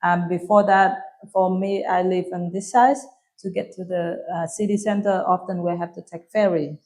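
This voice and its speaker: A woman in her thirties with a Vietnamese accent, answering interview questions in English softly and with frequent hesitations. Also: on the low side, flat delivery, moderate pace. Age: 30s. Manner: soft-spoken, hesitant with frequent ums. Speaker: guest.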